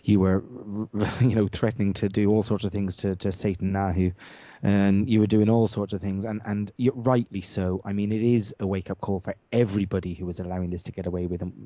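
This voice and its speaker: A man's voice: on the low side, steady tone, fairly quick, hardly any pauses, warm tone, dry recording. A man hosting a radio talk show, speaking hesitantly, with many fillers and restarts. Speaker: host. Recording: dull lo-fi audio.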